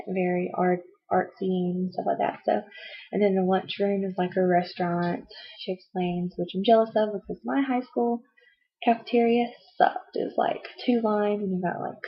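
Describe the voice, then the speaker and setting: Chatty young woman, husky voice, lo-fi. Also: medium pitch. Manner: chatty, rambling, frequent "um" and "like", laughs at herself. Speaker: book vlogger. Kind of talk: casual book review chat. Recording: dull lo-fi home video.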